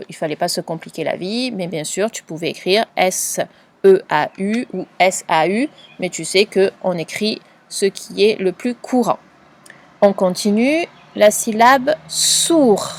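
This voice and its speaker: A woman teacher giving a patient, clearly spoken dictation lesson to a young pupil, spelling out letters and sounds. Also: medium pitch, unhurried, darkish tone. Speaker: primary school teacher.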